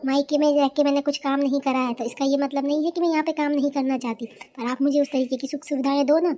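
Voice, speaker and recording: In a Hindi family comedy cartoon dub, a woman voices a defiant young daughter-in-law who complains indignantly and talks back. Her high voice is fast, steady, and warm, close to an everyday speaking voice.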